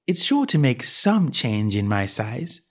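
A man's voice: mid-range voice, sing-song, a little slow. Curious fretful young girl, voiced by a man, raised lilting voice, earnest and wondering, storybook. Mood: musing.

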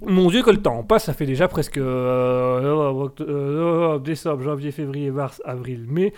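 A man's voice: medium pitch, a little slow, darkish tone, clear, resonant tone. A man hosting a live web radio call-in show, addressing his listeners in a formal announcer manner while rambling through repeated restarts.

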